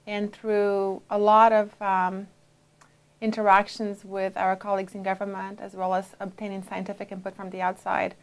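This interviewee is an FDA official, a woman in her forties originally from Brazil, recorded on a lapel mic in a dark studio. Her medium-pitched voice is monotone as she answers measuredly, pausing often and using fillers.

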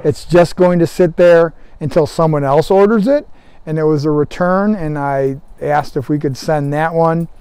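A man's voice: on the high side, normal speed, dark tone, smooth, no room sound. A man telling a personal work story to camera in a casual, earnest way, with fillers and repeated words. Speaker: Lowe's employee and gym owner.

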